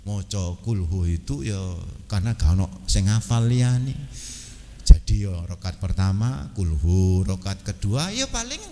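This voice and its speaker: A man's voice: on the low side, sing-song, unhurried, dark tone, in a large hall. A man with a Javanese accent giving a conversational mosque sermon, often addressing listeners as "Pak" and chanting verses. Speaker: preacher.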